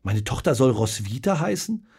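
A man voicing a stubborn young woman, loud and indignant, drawing out her words. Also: mid-range voice, sing-song, normal speed, creaky, husky, heavily acted. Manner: indignant, then chanting loudly.

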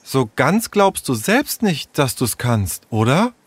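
A man's voice: medium pitch, big pitch swings, slow pace, husky, dry recording, pitched above the performer's own voice, heavily acted. A man voicing an eager, bossy young girl who leads her friends, indignant and pushy.

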